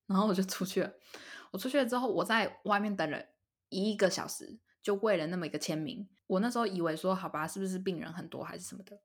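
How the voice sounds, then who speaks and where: A woman's voice: medium pitch, fast. A young woman co-hosting a podcast, telling a story in casual chat and acting out the lines of the people in it. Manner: animated, acts out quoted dialogue. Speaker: podcast co-host.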